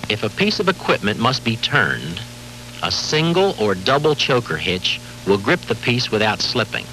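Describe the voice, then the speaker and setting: A man giving formal, measured scripted narration for a safety training film, heard from a worn VHS tape copy with faint hiss and hum. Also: fairly low pitch, very animated, sharp tone, soft background music, low-quality recording. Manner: measured, formal, authoritative delivery.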